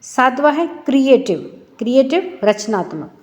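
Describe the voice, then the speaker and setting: A woman's voice: high voice, big pitch swings, moderate pace, a little mellow, in a large hall. A woman teacher explaining an English lesson for schoolchildren, asking rhetorical questions and answering them herself.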